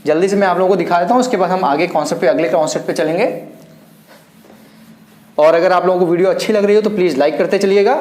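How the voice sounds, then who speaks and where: A man's voice: high voice, fast talker, a little mellow. A man teaching a maths lesson, talking students through each step and counting aloud as he writes. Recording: roomy echo.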